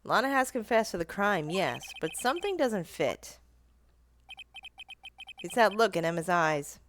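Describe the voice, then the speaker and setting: A woman's voice: medium pitch, expressive, unhurried, fairly bright tone, slight background noise. A woman with a cold voicing an earnest young male defense lawyer in a game read-through, delivered in a dry, level way. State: stuffy from a cold.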